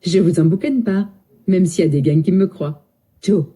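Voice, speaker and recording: A woman's voice: lowish voice, normal speed, mellow, slightly rough. Female synthetic voice putting on a southern French accent. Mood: jovial. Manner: folksy, playful, sprinkled with southern slang. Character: smart speaker voice faking a jolly southern accent.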